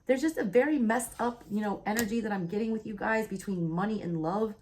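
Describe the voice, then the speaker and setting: A woman's voice: mid-range voice, fairly quick, darkish tone, a little hiss or hum. A woman with a Southern US accent giving a blunt, casual tarot reading, swearing freely and checking in with "all right?" while hiccuping. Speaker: tarot reader.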